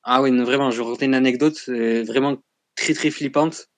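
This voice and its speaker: A young man who is a guest in a casual chat, speaking in a slangy, chatty and animated way. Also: mid-range voice, fairly quick, dry recording. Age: young adult.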